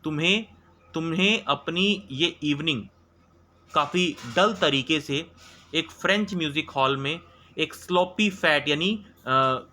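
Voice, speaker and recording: A male teacher working through a school chapter with a bright, slightly high voice. He reads each English line slowly and then explains it in detail. A faint hiss sits under the recording. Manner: checks in often with filler words. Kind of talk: explaining a textbook lesson.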